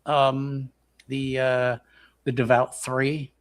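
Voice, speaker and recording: During a tabletop roleplaying game, a man casually improvises his character's actions, thinking out loud in a halting, jokey manner. His medium-pitched voice is clear and resonant but delivered flatly.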